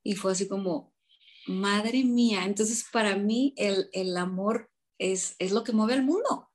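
Female guest, mid-pitched, lively storyteller who acts out quotes. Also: a little slow. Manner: animated storyteller acting out quotes. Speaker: guest, teacher. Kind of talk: casual interview storytelling. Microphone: remote call from abroad.

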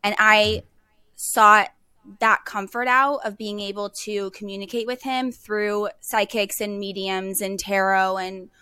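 A woman's voice: mid-range voice, steady tone, a little slow, pushed and bright, clean tone, no room sound. A young adult woman, a podcast guest, telling a personal story in a chatty way full of "like". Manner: chatty, peppered with "like".

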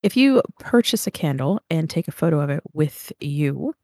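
A woman's voice: deep voice, expressive, normal speed, a little mellow. A congested woman hosting a podcast, chatting casually, swearing and laughing often. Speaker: podcast host. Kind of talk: casual chat.

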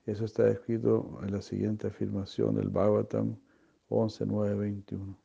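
A man teaches a religious class, reading aloud and explaining in a slow, halting way full of fillers. His voice is very dark and gravelly. The recording sounds slightly dull and lo-fi. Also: fairly low pitch, completely flat delivery. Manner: halting, with many fillers and soft chuckles. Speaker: spiritual teacher.

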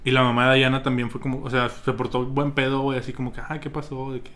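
A young man with a Mexican accent, telling friends a story in a casual, slang-heavy, animated way. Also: medium pitch, fast. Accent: Mexican Spanish. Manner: vulgar slang-heavy, animated retelling with laughs.

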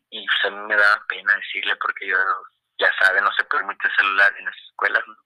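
Bright-voiced Mexican man telling a story. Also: fairly low pitch, normal speed, no room sound, poor audio. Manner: animated, swearing, acts out quoted voices. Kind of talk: casual storytelling.

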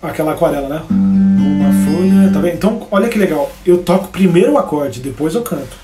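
A man's voice: on the high side, animated, quick pace. A Brazilian man teaching guitar on a live stream in a casual, chatty way, greeting viewers by name as he plays. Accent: Brazilian Portuguese. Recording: echoey room with guitar playing.

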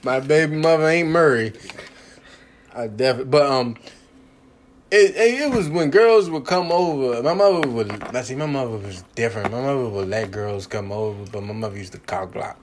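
Man, mid-pitched voice, blunt, asks questions, laughs a lot, faint noise behind. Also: expressive, normal speed. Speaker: podcast host. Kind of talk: casual group chat.

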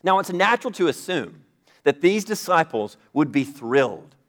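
A man's voice: fairly high pitch, very animated, normal speed, a bit bright. A man, a pastor, preaching a sermon in a conversational style, rising emphatically at key points.

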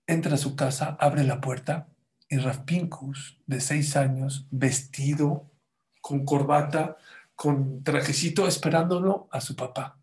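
A man, a religious teacher who tells children stories and teaches them in an animated way, repeating words and asking them questions. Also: fairly high pitch, measured pace. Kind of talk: lesson and storytelling for children.

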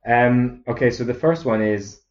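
A man's voice: mid-range voice, normal speed, darkish tone. A man hosting a podcast in casual chat, telling stories with stammering restarts and frequent laughter. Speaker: podcast host. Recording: echoey, dull lo-fi room.

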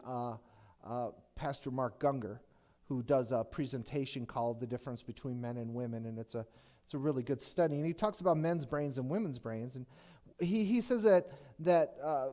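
A man's voice: a little high, a little mellow. A middle-aged man preaching a sermon as pastor, speaking in a folksy, conversational way that often restarts mid-sentence.

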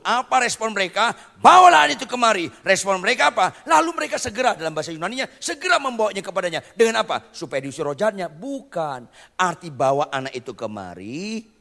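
Animated preacher with a gravelly, bright voice. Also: male voice, sits high. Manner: animated, quizzes the congregation, jokey asides. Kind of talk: lively sermon to a congregation. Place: church hall. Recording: long reverb of a church hall.

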